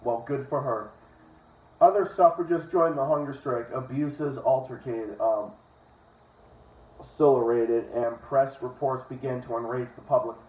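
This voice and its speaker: An online reader and commentator reads a book aloud, interrupting with ranting, opinionated commentary and profane asides. His mid-range voice is a little slow and mellow, and he sounds distant, captured by a dull microphone far off in an echoey room.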